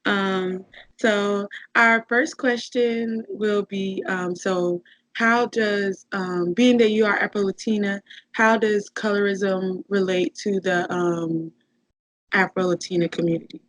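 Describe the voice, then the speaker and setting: A woman's voice: mid-range voice, fairly even intonation, takes it slowly, no room sound, poor audio. A woman hosting a podcast, asking questions hesitantly with many ums. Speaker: podcast host. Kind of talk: interview questions.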